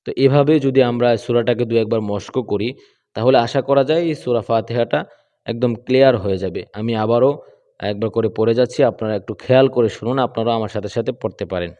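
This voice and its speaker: A man teaching Quran recitation, chanting verses slowly and explaining pronunciation patiently. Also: mid-range voice, dark tone, lo-fi sound. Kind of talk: slow recitation lesson with explanations. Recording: long hall reverb.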